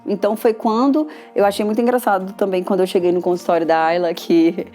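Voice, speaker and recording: A woman's voice: medium pitch, quick pace, soft background music. Emotional Brazilian woman telling her story. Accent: Brazilian Portuguese. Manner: emotional, lively retelling with quoted dialogue. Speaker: patient giving a testimonial. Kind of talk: personal testimonial storytelling.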